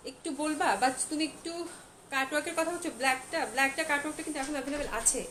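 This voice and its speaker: Speaking rapid-fire in a high voice with fairly even intonation, this online clothing seller chats on a live stream, raving about each dress and mixing in bits of English. She feels hot, and her echoey room carries heavy background noise.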